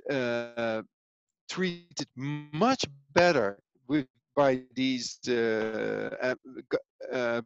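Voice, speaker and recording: A man from the Netherlands with a Dutch accent, a business coach explaining his ideas in a halting way full of fillers. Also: medium pitch, gravelly, muffled recording. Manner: hesitant, many fillers and restarts. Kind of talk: explanatory interview answers.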